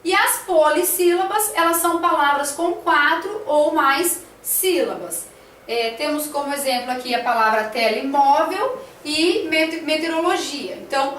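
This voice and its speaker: A woman's voice: high voice, a bit bright, roomy sound, far from the mic, a little hiss or hum. A woman teacher talking through a classroom lesson plan, hesitant, with many fillers and tag questions.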